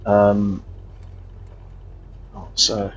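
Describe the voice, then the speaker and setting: Husky man streaming a flight sim. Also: fairly low pitch, monotone, drawn-out words, highs cut off. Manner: chatty, rambling, many restarts. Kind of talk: live flight sim commentary.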